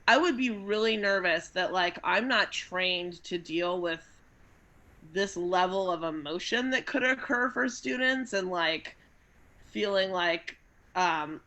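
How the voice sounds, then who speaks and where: A woman's voice: medium pitch, pushed and bright. A woman co-hosting a podcast over a video call, asking thoughtful, hesitant questions with many fillers. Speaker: podcast co-host. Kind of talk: casual interview chat.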